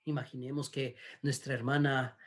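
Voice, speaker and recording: Slow, emphatic preacher. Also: mid-range voice, little pitch movement. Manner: slow, emphatic, rhetorical questions. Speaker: pastor. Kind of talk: sermon.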